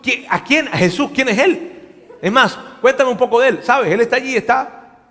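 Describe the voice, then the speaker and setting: A man voicing a panicked man who frantically denies knowing his friend, stammering through rushed protests. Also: very high-pitched, fairly bright tone, pitched above the performer's own voice. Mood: frantic denial. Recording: long hall reverb.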